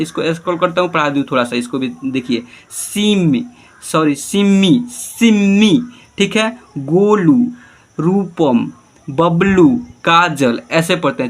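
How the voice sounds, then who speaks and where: Male online teacher, slightly high voice, patient, spells out names letter by letter. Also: fairly bright tone. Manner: often says "okay" and checks understanding.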